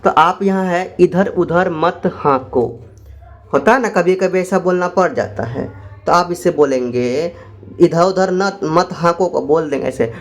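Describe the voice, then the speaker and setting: A man teaching spoken English, explaining phrases in quick asides and then dictating them slowly word by word. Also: a little high.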